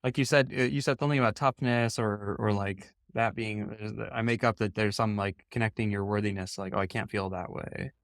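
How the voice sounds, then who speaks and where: A man's voice: lowish voice, fairly even intonation, fairly quick, few pauses, a bit bright, no room sound, studio quality. A middle-aged man coaching a podcast co-host, asking probing questions with many fillers and restarts. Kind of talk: coaching conversation.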